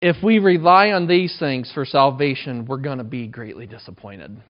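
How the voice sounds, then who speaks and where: A man's voice: medium pitch, moderate pace. A man in his thirties preaching a sermon in a conversational, self-deprecating way. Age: 30s. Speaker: pastor. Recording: dull lo-fi recording.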